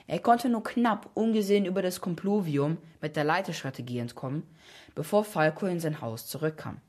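A woman reading out a story in a scripted narrating style, pausing to explain old terms. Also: medium pitch, darkish tone. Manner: explains Latin terms as she reads.

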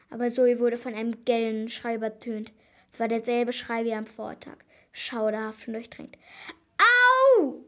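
A woman narrating a children's mystery audiobook in a steady, expressive storytelling voice. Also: fairly high pitch.

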